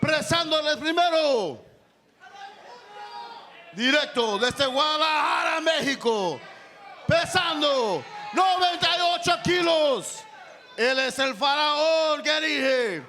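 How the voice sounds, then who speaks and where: A man doing theatrical, drawn-out lucha libre ring announcing, shouted out to an arena. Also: very high voice, lively intonation, some chatter behind, slight background noise.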